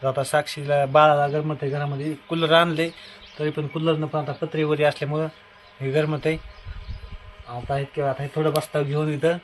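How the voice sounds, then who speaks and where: A man's voice: a little high, flat delivery, moderate pace, slight background noise. Chatty young man vlogging outdoors. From Maharashtra, India. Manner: chatty and repetitive, often calling loudly to his wife. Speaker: family vlogger. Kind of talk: casual vlog talk to viewers. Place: outdoors by a house.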